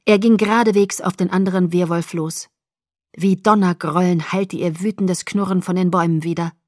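A woman narrating a first-person story as an audiobook reader, with expressive scripted delivery. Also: on the low side, normal speed, no room sound, clean studio sound.

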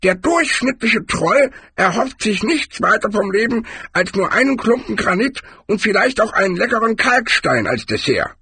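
A grizzled old barbarian in a storybook, boastful and lecturing, pitched far up in a thin, strained register with a husky edge. His voice swoops widely as he holds forth, close and dry. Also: sing-song, normal speed, few pauses, bright, forceful tone, dry recording, full character voice.

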